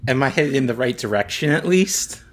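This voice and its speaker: A man's voice: mid-range voice, animated, a little fast. A man chatting casually as a player in a tabletop role-playing game.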